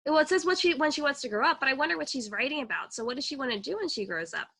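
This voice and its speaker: A young woman with a high, creaky voice speaks at a racing pace while co-hosting a children's read-aloud over video call. She teaches animatedly, asking lots of enthusiastic questions.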